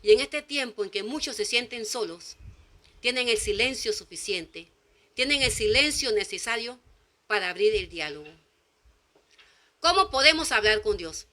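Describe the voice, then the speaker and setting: A woman gives a sermon in a high, very bright voice. She presses her points by repeating phrases. Now and then she acts out short quoted exchanges. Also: lively intonation, normal speed, long pauses. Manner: emphatic repetition, acts out quoted dialogue. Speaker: preacher.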